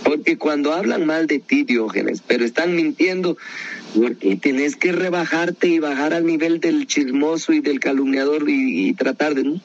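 A man's voice: a little high, normal speed, dull audio, slight background noise. A man leading a Bible study in a conversational teaching style, often asking rhetorical questions. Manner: animated, asks many rhetorical questions.

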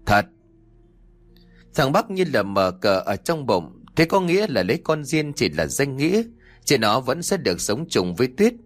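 A man narrating a story as an audiobook reader, expressive and lively. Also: medium pitch, moderate pace, faint music behind.

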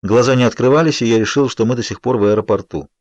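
A man narrating a novel in the first person with an even, measured reading. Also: mid-range voice, dry recording, muffled recording. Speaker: audiobook narrator.

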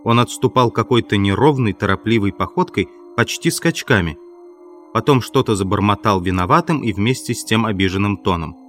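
A man with a fairly low voice reads a classic novel aloud. His delivery is measured and expressive, and faint music plays quietly behind him. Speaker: audiobook narrator. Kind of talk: scripted literary narration.

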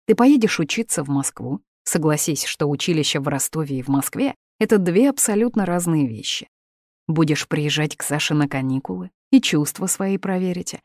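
A woman reading as a calm, firm father. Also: fairly low pitch, no room sound, studio quality. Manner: measured, firm.

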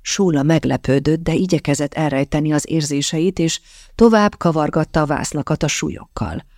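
A woman narrating a novel in a measured, expressive reading. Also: deep voice, no room sound, studio quality. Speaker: audiobook narrator. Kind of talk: scripted narration.

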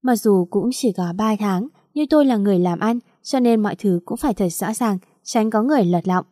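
A woman's voice: medium pitch, brisk, mellow, dry recording, studio quality, natural voice. A woman voicing a cold, mocking young businessman in a storybook reading.

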